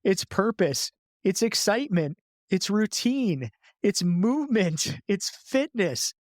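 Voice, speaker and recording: A man with a notably high-pitched voice talks in a loose, chatty way as a podcast guest, full of filler words and quick laughs. The sound is close and dry with almost no room tone. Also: sing-song, dry recording. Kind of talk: casual conversational interview.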